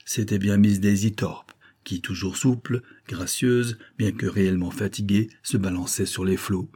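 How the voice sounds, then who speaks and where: A man narrating an old serial novel as an audiobook, in a theatrical, lively storytelling manner. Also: fairly low pitch, moderate pace, husky.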